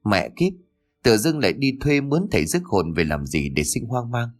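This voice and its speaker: A man voicing a stern middle-aged man with a dark secret, scolding and curt, in a spoken ghost story. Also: mid-range voice, sing-song, normal speed, faint music behind, close to an everyday voice. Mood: muttering.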